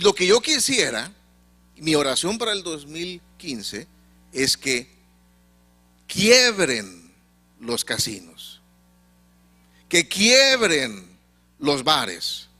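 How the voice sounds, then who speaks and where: Animated man from Monterrey preaching. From Monterrey, Mexico. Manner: emphatic preaching with sudden pitch swings and pauses. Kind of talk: sermon.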